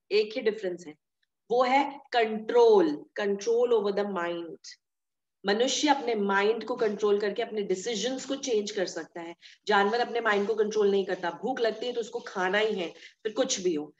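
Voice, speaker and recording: A woman giving a devotional scripture talk, explaining with everyday examples, repeating key phrases and mixing English words into her speech. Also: a little high. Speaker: scripture teacher. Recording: echoey room, dull lo-fi sound.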